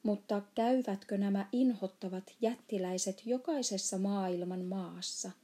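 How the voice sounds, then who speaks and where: A woman's voice: mid-range voice, mellow, natural voice. A woman voicing a curious, earnest little girl in a storybook reading. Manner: questioning, earnest.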